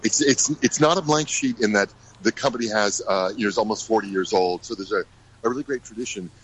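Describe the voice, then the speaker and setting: Low-voiced man, halting and thoughtful. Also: husky, poor audio. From United States. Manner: halting, many fillers and restarts. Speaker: ballet director. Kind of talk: radio interview guest.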